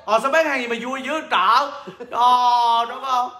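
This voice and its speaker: A man hosting a lively sales livestream, playful and laughing often as he teases callers. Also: extremely high pitch, measured pace, roomy sound. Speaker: livestream seller and host. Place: home, in Chicago.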